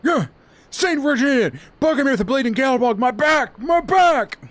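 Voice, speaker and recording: A grumpy old sorcerer acted out by a man for a video game. The voice sits high and swings widely in pitch, full of pompous, archaic grumbling and theatrical bluster. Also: animated, moderate pace, a bit bright, no room sound. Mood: grumpy, pained.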